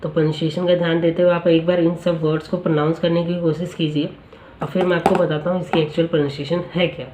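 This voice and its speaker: A male teacher explaining a spoken-English lesson in Hindi, asking the class rhetorical questions and repeating each word slowly for pronunciation practice. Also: fairly high pitch, level tone, darkish tone, reverberant, slight background noise, rough recording.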